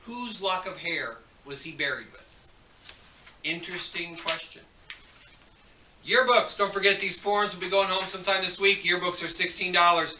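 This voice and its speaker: A man's voice: sits high, normal speed, sharp tone, roomy sound, distant mic, slight background noise, poor audio. A man giving chatty, joking school morning announcements, turning stern when he scolds students, heard over the school intercom.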